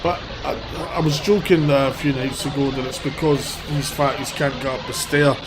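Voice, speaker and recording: Over music, a man with a cold livestreams from a city street on his handheld phone, sniffling a little through blunt, rambling commentary. He has a mid-range voice, fairly even intonation, and normal speed. The recording is rough, and loud traffic and vehicles sound behind him.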